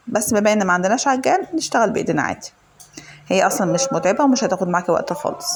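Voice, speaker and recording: A fast, chatty Egyptian woman leads a home cooking video, talking viewers through every step with lots of fillers. Her voice is a little hoarse from a cold. She records in her home kitchen, with a faint background hum. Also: lowish voice. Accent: Egyptian Arabic. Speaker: home cooking channel host. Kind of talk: casual cooking tutorial.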